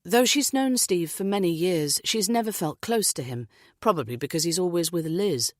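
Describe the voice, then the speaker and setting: A woman narrating a mystery audiobook, reading in an even, descriptive way. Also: on the low side, moderate pace, dry recording, studio quality. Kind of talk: scripted narration.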